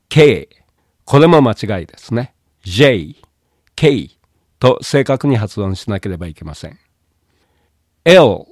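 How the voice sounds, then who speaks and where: A man teaching English pronunciation in a calm lesson, explaining carefully and modelling each sound. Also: mid-range voice, no echo, studio quality. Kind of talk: slow spoken lesson.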